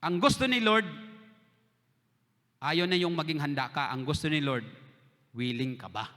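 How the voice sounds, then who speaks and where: A bright, forceful male pastor from the Philippines delivers a lively sermon, playing out little dialogues with his congregation. His fairly high voice rings through a church sanctuary with a long reverb tail. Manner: lively storytelling, acting out quick exchanges with church members.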